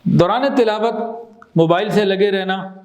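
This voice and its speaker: A man teaching in a religious talk, explaining with examples, asking his listeners questions and repeating phrases slowly for emphasis. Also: high voice, a little mellow. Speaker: Islamic teacher.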